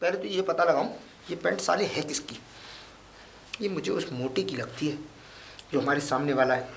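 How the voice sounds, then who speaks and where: A woman's voice: deep voice, moderate pace, vocal fry, a little hiss or hum. A woman playing a jealous young husband in a comedy sketch, accusing and argumentative. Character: jealous young husband, suspicious and hot-tempered.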